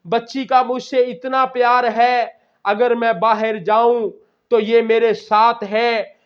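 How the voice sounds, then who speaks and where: Male preacher, slow and deliberate, dramatic sermon storytelling. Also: very high-pitched. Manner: impassioned, retelling stories with dramatic quotes. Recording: dull lo-fi recording.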